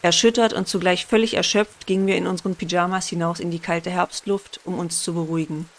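A woman narrating a first-person horror story in a measured, suspenseful way. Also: fairly low pitch, steady tone.

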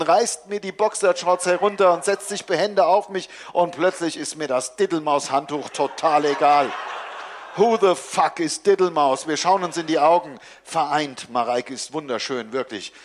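Deadpan man reading a comic story. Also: a little high, background noise.

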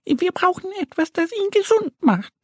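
A man voicing a small, eager girl duckling in a children's audio story, in a high, breathy childlike voice. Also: sing-song, normal speed, dry recording, studio quality. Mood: cheerful.

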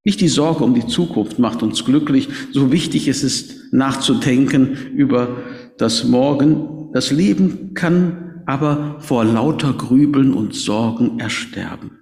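Male preacher, gravelly, in an echoey church. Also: mid-range voice, measured pace, a little mellow. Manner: earnest, emphatic, repeating key words. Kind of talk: sermon. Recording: echoey reverberant hall.

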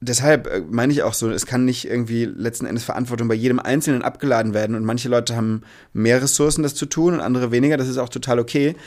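Male interview guest, mid-pitched, earnest and thoughtful, conversational, feeling his way toward phrasing. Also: steady tone, quick pace, hardly any pauses, darkish tone. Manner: reflective, earnest, searching for words.

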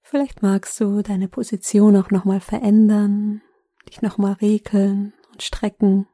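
A woman guiding a sleep meditation in a gentle, soothing, unhurried manner with long pauses. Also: medium pitch, level tone, slightly rough, dry recording, studio quality. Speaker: meditation guide, host.

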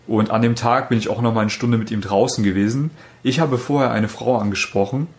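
A man's voice: mid-range voice, brisk. A man hosting a podcast as a dating coach, telling stories in a loose, rambling way with fillers and self-corrections. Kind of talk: casual podcast chat.

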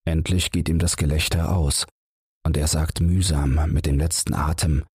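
A man reading a bedtime audiobook in a calm, unhurried manner with a husky voice, close to the mic. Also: rumbling low, no room sound. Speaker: audiobook narrator.

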